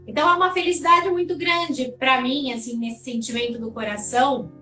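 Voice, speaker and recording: A woman in her forties with a Brazilian Portuguese accent speaks in a high, chatty, heartfelt way. She sounds set back from the mic in an echoey room. Faint music plays behind her. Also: brisk, pushed and bright, recorded from a distance. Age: 40s. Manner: chatty, heartfelt, uses fillers like "né". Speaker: livestream host. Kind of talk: casual conversational interview.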